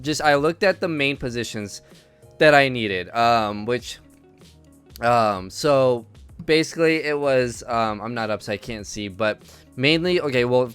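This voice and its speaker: Smooth-voiced man commentating a video game. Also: medium pitch, fairly bright tone. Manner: thinking aloud with frequent ums and uhs. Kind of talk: casual gameplay commentary.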